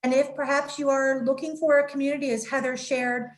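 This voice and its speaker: A woman's voice: high voice, flat delivery, fairly quick. A woman giving a promotional presentation on a video call as a marketing director for senior living.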